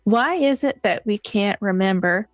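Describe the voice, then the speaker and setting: A woman interviewing a guest, asking her questions in a gentle, inquiring way. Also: medium pitch, lively intonation, a little slow, dry recording, soft background music.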